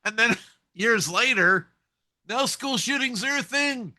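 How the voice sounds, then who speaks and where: A man talking in a casual conversation, musing and telling stories with animated energy. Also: very high-pitched, slow pace. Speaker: co-host.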